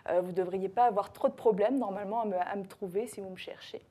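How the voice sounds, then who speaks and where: A French social media consultant and trainer speaks with a French accent while giving a conference talk to a live audience. Her mid-range voice is mellow and quick. She sounds hesitant, using many fillers and correcting herself often.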